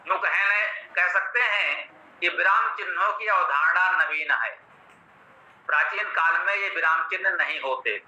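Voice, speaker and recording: Hindi-accented male scripture teacher, high bright voice, measured lecture, roomy dull recording. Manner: measured, teacherly, repeats and glosses Sanskrit terms. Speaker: Vedic scholar explaining a mantra.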